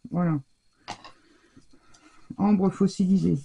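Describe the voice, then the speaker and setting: A woman with a lowish, mellow, husky voice and vocal fry speaks slowly and steadily while demonstrating scrapbooking at home. Her casual tutorial is chatty and hesitant, packed with fillers, and she stumbles over English product names.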